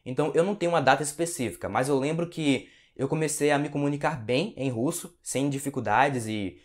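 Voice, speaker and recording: A man with a Brazilian Portuguese accent, answering viewer questions as a language teacher in a relaxed, casual way. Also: mid-range voice, a little fast. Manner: relaxed, repeats tags like "tá?" and "né?". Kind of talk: casual Q&A lesson to camera.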